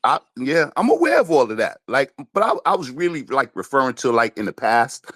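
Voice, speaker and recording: A man's voice: medium pitch, big pitch swings, a little fast, a bit bright, dry recording, clean studio sound. A man with a Brooklyn accent, a caller speaking in an informal, streetwise and insistent way in a casual debate. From Brooklyn, New York, USA. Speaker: caller to a talk show.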